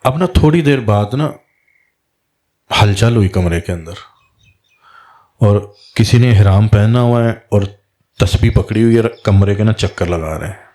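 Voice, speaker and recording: A man with a fairly low voice gives a storytelling religious talk as a Sufi guide. He slips into quoted voices to act out the back-and-forth of the tale. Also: pauses often. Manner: recounts dialogue in lively quoted voices.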